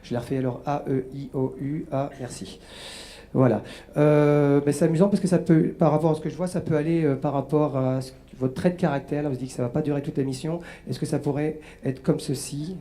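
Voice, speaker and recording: A man's voice: fairly high pitch, fairly even intonation, fast, few pauses, mellow. A man performing a live mind-reading demonstration as a radio guest, patiently guiding a volunteer and reciting letters one by one. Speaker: stage mentalist guest.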